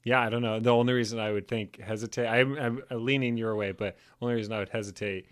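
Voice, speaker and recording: A man's voice: mid-range voice, steady tone, fast, dry recording. A man co-hosting a podcast, joking around and laughing easily in casual chat. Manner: playful, joking, laughs often. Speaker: podcast co-host.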